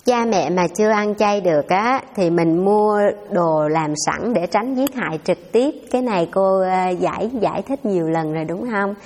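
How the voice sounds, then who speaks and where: A Buddhist nun answers listeners' questions in a dharma talk. She tells stories conversationally and addresses the audience directly, her pitch sitting in a middle range. Her voice carries a long hall reverb. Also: moderate pace, hardly any pauses, darkish tone.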